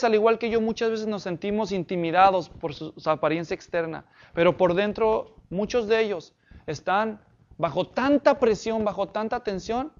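A man's voice: high voice, gravelly, lo-fi sound. A man preaching a sermon as pastor, emphatic and often asking the congregation questions.

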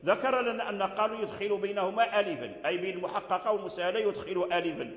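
Sheikh teaching in an echoey hall. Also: male voice, high voice, very fast, fairly bright tone. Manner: explanatory, repeats words and recites examples. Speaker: Quran recitation teacher. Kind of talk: explaining a recitation poem.

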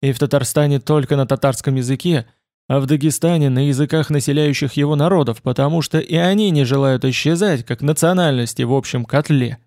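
A man voicing a forceful male protest leader who speaks loudly, commandingly and pressingly in an audiobook. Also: mid-range voice, a little fast, no room sound, clean studio sound, close to an everyday voice. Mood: insistent.

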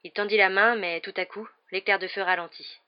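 A woman narrating a novel as an audiobook, reading in a lively storytelling manner. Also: mid-range voice, fairly quick, smooth, dull audio.

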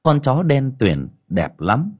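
A man narrating a village story as an audiobook in a dramatic, expressive way. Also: mid-range voice, slow pace, breathy edge.

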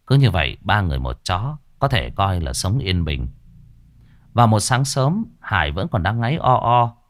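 A man's voice: fairly low pitch, dry recording, studio quality. A man narrating a horror story in a scripted, dramatic way. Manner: expressive, dramatic.

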